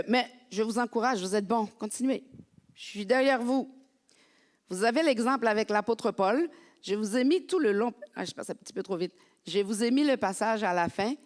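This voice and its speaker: A woman from France preaching a lively, conversational sermon as a pastor in a church. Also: medium pitch. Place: church sanctuary. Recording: long hall reverb.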